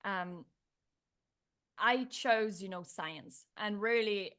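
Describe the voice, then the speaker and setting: Woman from slovenia, slovenian native, thirties, reflective, animated, mid-pitched voice. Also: drawn-out words, smooth. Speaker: guest, neuroscientist turned coach. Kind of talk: casual interview chat.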